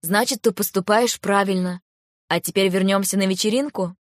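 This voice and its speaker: A woman reading the part of a gentle older mother-in-law who speaks slowly and tenderly. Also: mid-range voice, no echo, studio quality, close to an everyday voice. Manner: tender, slow and soothing.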